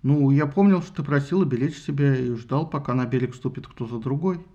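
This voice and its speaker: A man voicing a modest, gentle young warrior speaking softly to his wife. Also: medium pitch, a little fast, lo-fi sound, natural voice. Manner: soft, modest.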